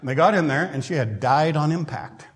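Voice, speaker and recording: A man preaching a sermon in a conversational way who often clears his throat, in a church hall. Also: on the high side, animated, fairly quick. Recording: long hall reverb.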